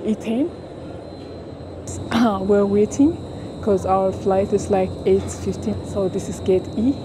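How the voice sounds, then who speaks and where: A young travel vlogger from Addis Ababa, Ethiopia, chats informally to her selfie camera held at arm's length, speaking at a medium pitch with an Ethiopian accent and calling her viewers "guys." A clip-on mic catches her through the noisy ambience of a busy airport, the tarmac and a plane cabin.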